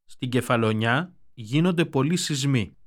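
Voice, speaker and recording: A man reading example sentences for a language lesson in a slow, careful way. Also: medium pitch, animated.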